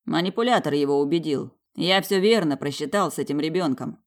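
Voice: medium pitch, a little fast, natural voice. A reader voicing a smug, dismissive wealthy young husband in audiobook dialogue.

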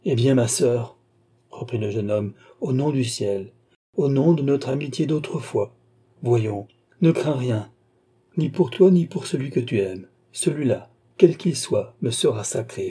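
A young nobleman bound by honor, declaiming his accusations and pleas, as a male reader gives him voice. The tone is dark and husky, swelling with anger and then sinking into pleading. It has the sweep of a classic read-aloud novel. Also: mid-range voice. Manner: declamatory, wrathful then imploring.

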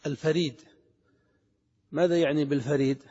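A man's voice: a little high, steady tone, brisk, dark tone, slightly rough. A middle-aged man teaching a grammar lesson, asking his students questions and repeating the key words to drive them home. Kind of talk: classroom lesson explaining grammar. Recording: lo-fi lecture hall recording with long reverb.

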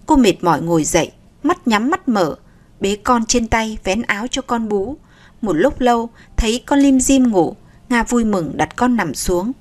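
Female storyteller, steady scripted narration, higher voice. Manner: steady, descriptive.

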